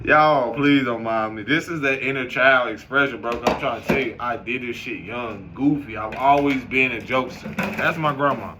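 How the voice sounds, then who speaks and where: Over a noisy background hiss, a man vlogs to camera at normal speed with a medium pitch and hardly any pauses. His monologue is loose, profane and animated, blending stories with advice.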